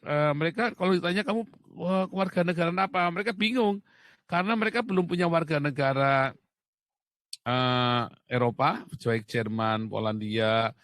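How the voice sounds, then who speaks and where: A man from Indonesia talks in a loose, chatty monologue, often tossing out rhetorical questions and chuckling at his own jokes. His voice sits a little high for a man. The sound is dry and close, with no room echo. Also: fairly bright tone. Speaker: host. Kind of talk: casual monologue.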